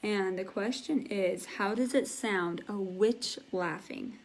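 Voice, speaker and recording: Slow-talking woman English teacher. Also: medium pitch. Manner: patient, encouraging, imitates sound effects. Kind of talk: live online English class.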